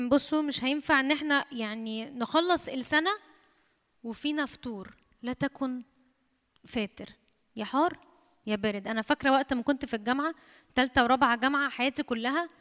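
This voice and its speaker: A woman with an Egyptian Arabic accent preaches quickly in a high voice. She repeats her points for emphasis and quotes scripture. Her voice rings with the long reverb of a church hall. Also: fairly bright tone. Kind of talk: sermon.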